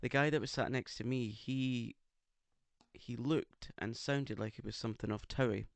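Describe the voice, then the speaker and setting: A man's voice: mid-range voice, steady tone, normal speed, vocal fry, no room sound. A man co-hosting a casual podcast, with an English accent and a camp, theatrical, teasing way of talking. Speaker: podcast co-host. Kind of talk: casual chat. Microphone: studio microphone.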